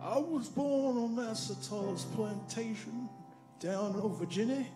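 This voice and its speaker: An actor playing a former male slave who recites where he was born, in a slow and solemn way, heard from far off in an echoey hall. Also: high voice, music in the background. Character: a former male slave telling his birthplace.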